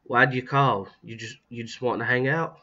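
A man voicing a serious, quiet twelve-year-old boy in an audiobook reading, offhand in tone. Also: mid-range voice, steady tone, normal speed, highs cut off.

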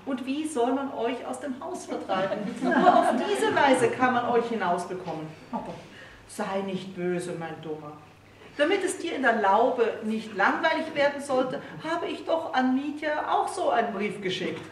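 A woman's voice: fairly high pitch, expressive, moderate pace, pitched above the performer's own voice, lightly acted. Woman reading as a sly teasing wife. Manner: teasing, lilting and playful. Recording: roomy distant reading with faint hiss.

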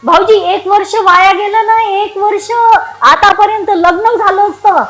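An actress playing a sharp-tongued middle-aged mother who scolds in a shrill voice. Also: animated, normal speed, soft background music. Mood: angry. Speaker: mother of the groom. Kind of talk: web series acting.

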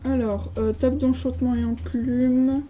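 A woman's voice: high voice, level tone, a little slow, mellow, poor audio. A French woman giving a casual, hesitant commentary while touring a game server, reading signs aloud with lots of filler sounds. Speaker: gaming video creator.

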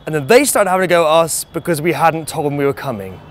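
A man's voice: fairly high pitch, expressive, fast, a little hiss or hum. A young man in his twenties with a British accent, chatting jokily and mocking himself as he vlogs a road trip on a lapel mic. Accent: British English. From United Kingdom. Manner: chatty, jokey and self-mocking. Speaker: travel vlogger. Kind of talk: casual travel vlog. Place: outdoors and in hotels on a road trip. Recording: music playing underneath.

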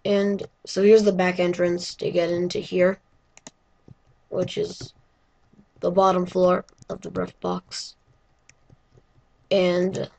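A woman with a hoarse voice, giving a casual, rambling walkthrough of her game build with lots of hesitant fillers. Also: lowish voice, darkish tone, rough recording. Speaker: gaming video creator.

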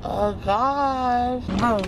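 A young woman with her jaw wrapped in a bandage, groggy and teary after anesthesia, talking slowly, slurred and giggly while riding in a car. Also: on the high side. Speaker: vlogger recovering after surgery. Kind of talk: casual chat. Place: inside a car. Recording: loud road noise in a car.

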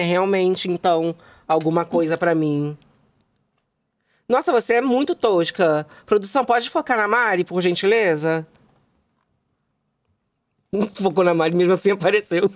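A woman's voice: mid-range voice, normal speed, no echo. A young Brazilian woman hosting a talk show, sarcastic and teasing, with theatrical outrage. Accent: Brazilian Portuguese. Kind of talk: mock-confrontational interview.

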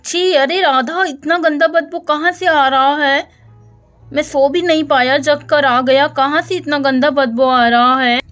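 Here is a helpful young village husband, which a woman plays in a doll story. The voice is fussy and easygoing, and it sits high for a man. Faint music plays underneath. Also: fairly even intonation, a little slow, a bit bright. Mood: fussing. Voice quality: same high voice as narrator, barely lowered. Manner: fussy and complaining, then eager to help.

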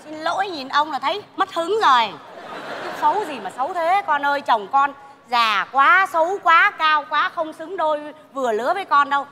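A scornful mother-in-law, very high. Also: expressive, normal speed, a faint crowd, a little hiss or hum. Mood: mocking. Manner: mocking, loud, chatty. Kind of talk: stage comedy sketch. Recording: live stage show with music.

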